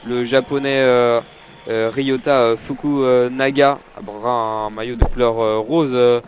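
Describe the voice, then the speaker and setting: A man giving live audio-described athletics commentary from a stadium, hesitant with many fillers, rising when excited. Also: medium pitch, a little slow, lo-fi sound. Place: outdoor stadium.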